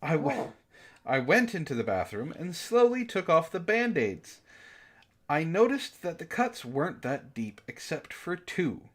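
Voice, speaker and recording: Speaking a little slowly in a slightly high, sing-song voice, a man reads a story aloud for his comic book club. He keeps stopping to mock the fan fiction with exasperated disbelief.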